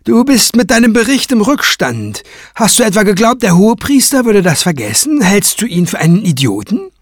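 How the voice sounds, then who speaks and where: A man voicing a sneering, sycophantic male cleric in an audiobook, shrill and mocking. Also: wildly swooping pitch, a little slow, breathy edge, no echo, clean studio sound, full character voice.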